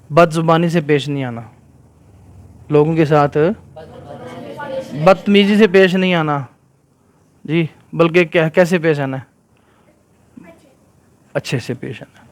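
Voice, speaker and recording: A man giving a religious lesson to children, reciting verses in Arabic and often asking his listeners whether they follow. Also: a little high. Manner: keeps quizzing listeners with "right?". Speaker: Islamic scholar teaching children.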